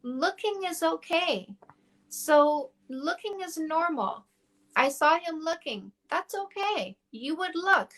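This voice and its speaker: A woman's voice: extremely high pitch, animated, takes it slowly, fairly bright tone. A woman dating coach from Canada giving blunt, frank advice to viewers on a casual phone livestream.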